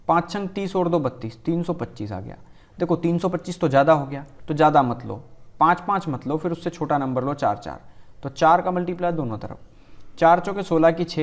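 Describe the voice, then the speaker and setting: Man teaching math step by step. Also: a little high. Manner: explains slowly, repeating steps and checking understanding; coaxing classroom tone, often saying "look".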